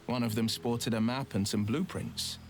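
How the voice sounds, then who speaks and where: A man's voice: medium pitch, fairly even intonation, moderate pace, natural voice. An actor playing a devoted male hero companion in a game, speaking tenderly and reflectively. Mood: warm. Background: music.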